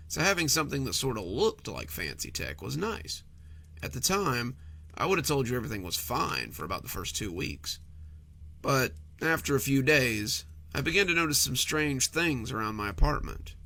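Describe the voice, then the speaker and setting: A man tells a first-person horror story as though it happened to him, at normal speed. His mid-pitched voice swings animatedly, bright and forward with a noticeable gravelly creak. It sounds conversational yet clearly scripted.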